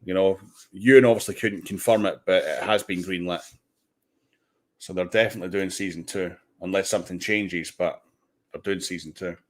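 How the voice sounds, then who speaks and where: A man hosting a casual livestream watch party, excitable, swearing casually and restarting his sentences. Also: deep voice, moderate pace. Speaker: livestream host.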